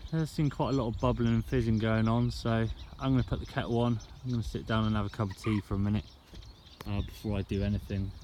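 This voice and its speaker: A man talking casually to camera in a laid-back, slangy way, as a fishing vlogger. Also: lowish voice. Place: outdoors at a fishing lake. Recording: outdoor ambience and background noise.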